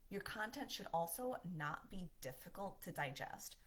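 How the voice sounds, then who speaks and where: A woman's voice: lowish voice, lively intonation, normal speed, fairly bright tone. A woman giving a marketing lesson as a voiceover, upbeat and conversational, with a smile in her voice. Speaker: marketing instructor.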